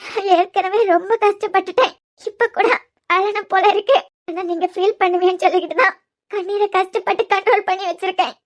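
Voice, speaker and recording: A woman voicing an anxious, devoted young wife in a cartoon, pleading softly in a Kanyakumari Tamil accent. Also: extremely high pitch, fairly even intonation, fairly quick. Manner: pleading, soft. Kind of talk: cartoon voice acting.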